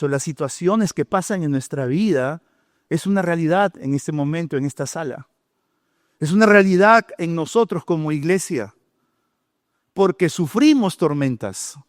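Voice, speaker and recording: A man with a Peruvian Spanish accent preaching a sermon in a church, telling stories with lively, dramatic delivery. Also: high voice, no room sound, clean studio sound. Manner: animated storytelling preacher, shouting out quoted lines. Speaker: pastor. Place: church hall.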